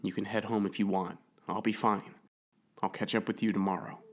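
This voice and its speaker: This is a fearless, spirited young girl monster hunter from a spooky audiobook, played by a man. Her voice is eager and earnest. The delivery sits on a deep base that lifts into higher, brighter tones as her excitement builds. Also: normal speed, natural voice. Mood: gentle, earnest.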